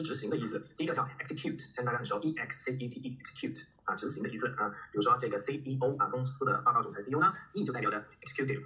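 Fast, bright-voiced male vocabulary teacher. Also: mid-range voice, rough recording. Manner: animated, joking, spells words letter by letter. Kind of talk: recorded lecture.

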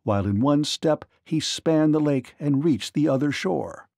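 Expressive male storyteller, dry close sound. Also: a little high, a little slow, vocal fry, dry recording. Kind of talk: children's read-along story narration.

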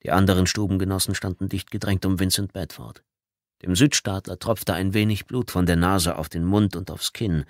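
A man reading a novel aloud as an audiobook, with measured, dramatic storytelling. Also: sits low, steady tone, no echo, studio quality. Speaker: audiobook reader. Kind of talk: scripted audiobook narration. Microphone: studio microphone.

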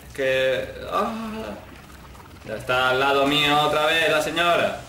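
Excitable guy yelling at a horror game, slow drawn-out talk, faint hiss behind. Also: on the high side, roomy sound, far from the mic. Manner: excitable, swears and yells at the game. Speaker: gameplay commentator. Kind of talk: casual gameplay commentary.

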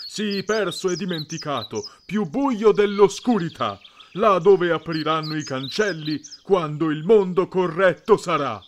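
A man voicing a jolly, commanding forest spirit in an audiobook reading, chanting in a loud, clear, authoritative voice. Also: on the high side, unhurried, slight background noise, voice pushed up, lightly acted. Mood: solemn.

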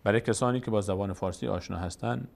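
A man teaching a beginner's lesson on reading letters, slow and patient, explaining step by step. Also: fairly low pitch, gravelly, a little mellow.

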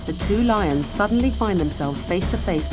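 A woman reading scripted documentary narration in a measured, steady way. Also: mid-range voice, over music.

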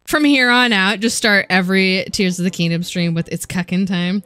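A woman's voice: medium pitch, moderate pace, sharp tone, smooth. A young woman casually chatting and giggling while streaming a video game, sometimes reading in-game dialogue aloud.

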